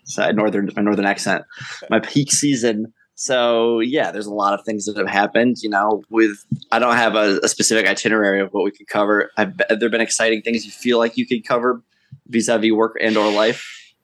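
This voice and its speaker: Young male podcast co-host, lowish voice, rambling and chatty, quick to laugh. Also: little pitch movement, a bit bright. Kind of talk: casual chat.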